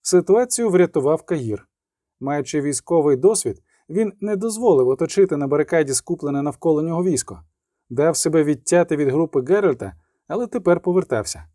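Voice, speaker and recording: A man narrating a fantasy battle audiobook in a steady, measured storytelling voice. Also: fairly high pitch, dry recording, studio quality.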